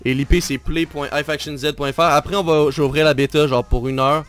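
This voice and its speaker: A man's voice: a little high, steady tone, brisk, a bit bright, soft background music. A man with a Québécois accent hosting a live game stream, chatting casually and teasing his friend and viewers. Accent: Québécois French. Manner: teasing, bantering, talks straight to viewers. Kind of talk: casual live gameplay commentary.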